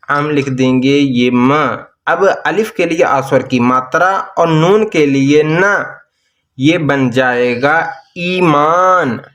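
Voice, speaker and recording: A man teaches at a very unhurried pace, his voice sitting a little higher than most men's. He stretches each sound out as he spells whole words piece by piece, like a patient tutor at a desk. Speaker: language teacher. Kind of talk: slow explanatory lesson.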